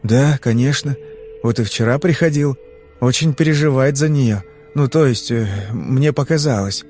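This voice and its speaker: A man's voice: mid-range voice, moderate pace, darkish tone, soft background music, natural voice. A man voicing a nervous, fussy middle-aged businessman worried about his daughter.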